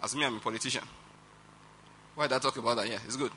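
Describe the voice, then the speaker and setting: A man with a Nigerian accent preaching a sermon as pastor, animated and emphatic, with rhetorical questions and chuckles. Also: mid-range voice, quick pace, slight background noise.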